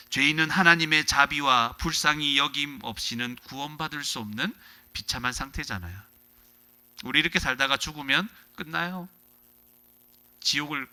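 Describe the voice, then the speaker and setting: In a mid-range voice, a male pastor delivers a lively, dramatic sermon, acting out the characters in his story. He swings between loud outbursts and hushed lines.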